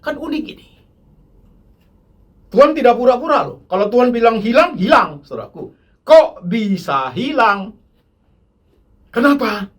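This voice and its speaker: Emphatic husky-voiced male pastor preaching. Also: big pitch swings, unhurried, pauses often. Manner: rhetorical questions, emphatic swings between loud high bursts and low quiet asides; addresses the congregation repeatedly. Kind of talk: sermon.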